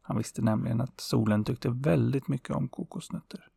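A man telling a folktale in a calm, unhurried way, with the odd small filler. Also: mid-range voice, vocal fry, husky, no echo. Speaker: storyteller. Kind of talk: oral folktale narration.

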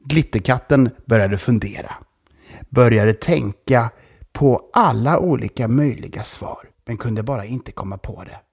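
A narrator telling a children's story in a playful, lively way. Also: medium pitch, slightly rough.

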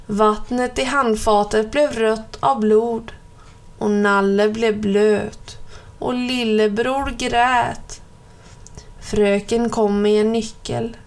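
A woman reads a children's story aloud, her voice sitting a bit high. She tells it in a plain, steady way, line after line.

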